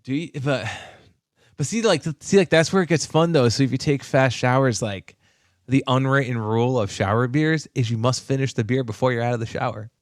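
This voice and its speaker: This man co-hosts a podcast, speaking a little fast in a mid-range voice during a casual, enthusiastic chat laced with profanity and plenty of fillers. The recording is dry and studio quality.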